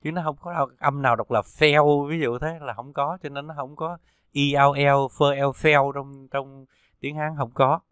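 A man teaching pronunciation, reading syllables one by one in a slow, deliberate drill. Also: a little high, steady tone, fairly bright tone, smooth, dry recording, clean studio sound. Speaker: Chinese pinyin teacher.

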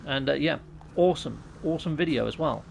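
Speaking a little fast in a fairly high, creaky voice, this British man in his thirties banters with viewers as he streams a game live. His humor is jokey and self-mocking. There's slight background noise, and his USB mic sits atop a laptop in a small home room.

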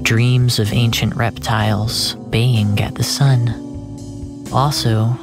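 In a scripted, surreal audio drama, a narrator speaks in a measured, dramatic manner, frequently dropping into a breathy near-whisper. The voice sits in the mid range.

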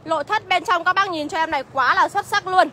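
A woman's voice: extremely high pitch, a little fast, bright, forceful tone, slight background noise. A woman with a Northern Vietnamese accent livestreaming from a used car lot, chattily rattling off car features and prices. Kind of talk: livestream sales pitch.

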